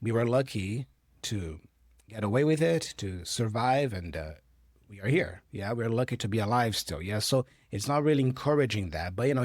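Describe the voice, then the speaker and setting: Here a man teaching English, a native Portuguese speaker with a Brazilian Portuguese accent, patiently explains English phrases from a clip to learners and checks in frequently. His voice is medium-pitched. The audio is studio quality, free of room sound.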